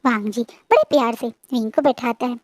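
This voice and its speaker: A woman's voice: on the high side, moderate pace, a little mellow, dry recording. A woman casually retelling a fan-fiction story in a chatty, hesitant way with frequent fillers.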